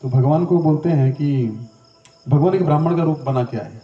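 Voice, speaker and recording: A man's voice: on the high side, normal speed. A man giving a storytelling scripture lecture in a chatty way, often turning to the audience with questions. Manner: conversational, asks the audience questions. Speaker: spiritual teacher. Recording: roomy, distant, dull lo-fi.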